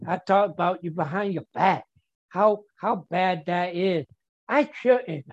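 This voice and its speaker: A man's voice: high-pitched, measured pace, highs cut off. A man sharing at a twelve-step recovery meeting, stuttering and repeating words in simple, earnest phrasing.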